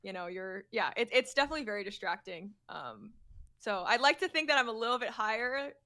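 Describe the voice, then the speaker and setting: A young woman chatting casually as a guest on a stream, hesitant with many fillers and quick to laugh. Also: fairly high pitch, animated, pushed and bright, no echo. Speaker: chess streamer, guest coach.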